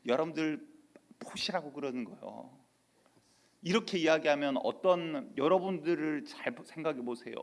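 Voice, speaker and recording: A man's voice: fairly high pitch, normal speed, vocal fry. Man preaching a storytelling sermon. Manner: lively storytelling with acted-out quotes. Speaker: pastor. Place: church.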